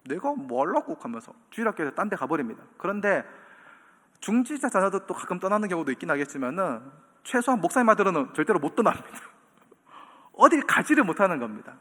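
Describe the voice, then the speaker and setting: Lively pastor preaching in a hall. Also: male voice, high voice, quick pace. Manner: animated storytelling with acted quotes and chuckles. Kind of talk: sermon. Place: church sanctuary. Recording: long church hall reverb.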